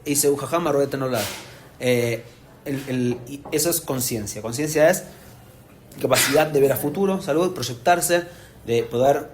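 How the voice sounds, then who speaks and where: Un hombre de acento enseña como rabino ante padres, con voz de altura media y un tono explicativo y vivo, sobre un leve murmullo de sala. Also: male voice, mid-range voice, slight background noise. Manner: animated, explanatory, asks "¿se entiende?" often. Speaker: rabbi teaching parents. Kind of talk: live lecture to an audience. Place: community hall with an audience.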